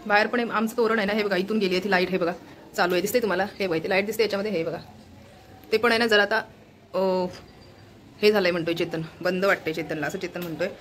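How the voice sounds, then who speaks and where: A woman's voice: mid-range voice, steady tone, quick pace, fairly bright tone, slight background noise. A woman chatting casually to viewers while cooking in her home kitchen, filming on a phone held in her hand and keeps pointing things out. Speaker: family vlogger.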